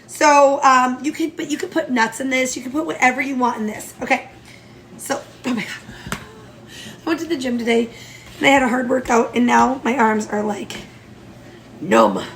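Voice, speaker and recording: Stuffy-nosed, high-voiced chatty woman. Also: fairly bright tone, a little hiss or hum. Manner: chatty and upbeat, talks through each step. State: nasal, stuffy from allergies. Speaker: home baking vlogger. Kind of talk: casual cooking tutorial chat.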